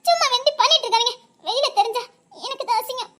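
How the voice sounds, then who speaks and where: A woman's voice: very high voice, racing, a bit bright. A woman voicing a timid young woman who pleads and stammers in an amateur audio drama. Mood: scolding. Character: timid young woman, scared yet stubborn. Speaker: young woman resisting a suitor.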